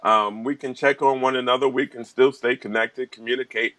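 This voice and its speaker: A man's voice: medium pitch, fairly even intonation, fairly quick, bright, forceful tone. A man from New York co-hosting a casual online talk show, speaking earnestly and agreeing emphatically.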